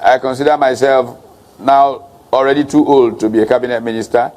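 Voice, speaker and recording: A man's voice: mid-range voice, fairly even intonation, fairly quick, a little mellow. Male senior official, 60s, wry and self-deprecating public remarks.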